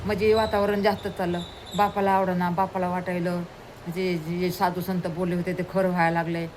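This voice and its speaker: A woman telling a moral folk story to an audience, animated and repetitive, acting out the characters. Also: lowish voice, a little fast, noisy background. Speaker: storyteller preacher.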